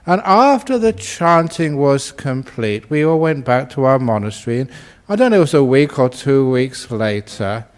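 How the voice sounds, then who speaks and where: A man who is a Buddhist monk, giving a dharma talk and telling anecdotes in an unhurried way with gentle humour. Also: medium pitch, very animated.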